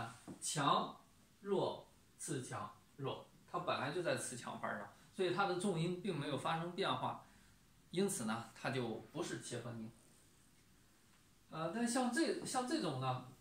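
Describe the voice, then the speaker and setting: A man's voice: on the high side, fairly bright tone. Patient male music teacher, roomy sound. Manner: sings solfège syllables, then explains slowly and patiently. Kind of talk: casual online music lesson. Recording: roomy, distant from the mic.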